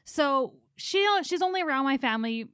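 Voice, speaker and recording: Woman, podcast co-host, casual chat, high-pitched, dry sound. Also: animated, moderate pace, a bit bright, no echo. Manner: chatty, tells family anecdotes.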